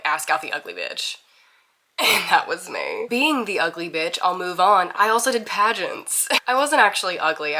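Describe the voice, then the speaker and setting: Chatty bright-voiced young woman vlogger. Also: on the low side. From Mississippi. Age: 20s. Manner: chatty, candid, laughs at herself. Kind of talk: casual to-camera intro vlog.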